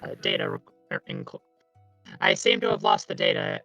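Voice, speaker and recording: A man's voice: high-pitched, brisk, sharp tone, muffled recording, soft background music. A man voicing a female robot construct through a robotic voice changer, speaking in stiff, formal, machine-like phrasing. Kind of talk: tabletop roleplay in character.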